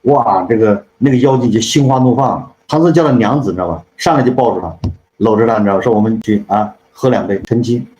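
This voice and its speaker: A man's voice: medium pitch, animated, quick pace, a little mellow. A man hosting a show, retelling a classic story in a chatty, casual way and often asking "you know?". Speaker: storyteller host. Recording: roomy, dull lo-fi sound.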